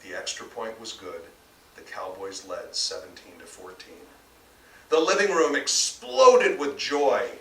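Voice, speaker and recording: An American man performs a live reading of his novel at a bookstore, his lowish voice expressive and sharp as he keeps a measured pace. Recorded indoors from a distance, the sound is roomy, with faint noise underneath.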